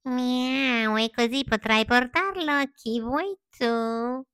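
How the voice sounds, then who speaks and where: A woman voicing a scheming cat who makes slow, drawn-out promises. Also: a little high, a bit bright, clear, resonant tone, dry recording, studio quality, voice pushed up. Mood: sly. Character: smirking scheming cat with glasses.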